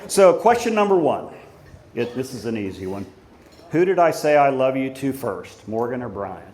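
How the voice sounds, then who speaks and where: A middle-aged man giving an informal father of the bride speech at a wedding reception, conversational and anecdotal, pausing for the guests. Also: mid-range voice, sing-song. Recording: echoey room, loud crowd and background noise. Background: crowd of guests, room noise.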